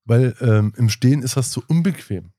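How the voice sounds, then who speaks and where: A man's voice: mid-range voice, moderate pace, dark tone, dry recording, clean studio sound. A middle-aged man in casual podcast banter, teasing and making crude jokes. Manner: teasing, crude jokes, asks "weißt du?" often. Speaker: podcast co-host, father.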